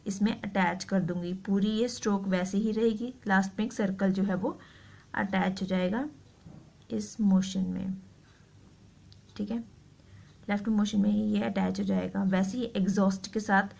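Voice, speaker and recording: A woman teaching shorthand, explaining slowly and repeating each word as she writes it out. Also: mid-range voice, steady tone, creaky, darkish tone. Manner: slow, repeats words while writing. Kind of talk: explaining a lesson.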